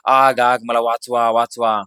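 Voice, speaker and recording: Storybook ghost, male, stubborn and curt, put on by the male narrator; low, dry close sound. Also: fairly quick, no room sound. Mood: pleading. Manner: curt, repeating flat refusals, later wailing in pain. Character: stubborn male ghost possessing a village boy. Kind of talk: storybook reading.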